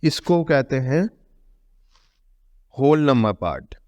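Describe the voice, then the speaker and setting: This male math teacher, with an Indian English accent, speaks in a mid-range, slightly mellow voice, very animated yet slow, and the audio's highs are cut off. He repeats key terms, answers the questions he poses, and mixes English terms into Hindi, with a long reverb on the recording.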